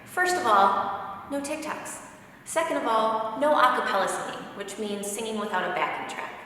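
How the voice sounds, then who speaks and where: Brisk woman giving audition notes. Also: fairly high pitch, expressive, bright, forceful tone, slight background noise. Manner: brisk, interrupting, gives notes. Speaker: audition director. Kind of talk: instructional talk. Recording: echoey hall from far off.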